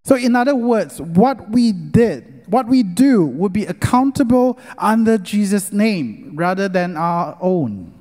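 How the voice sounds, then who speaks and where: A man's voice: sits high, lively intonation, slow, hardly any pauses, a little mellow. A middle-aged man gives a sermon-style talk at a church lecture concert, leading the audience in call-and-response and stretching out key words with earnest emphasis. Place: large worship hall. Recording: long hall reverb.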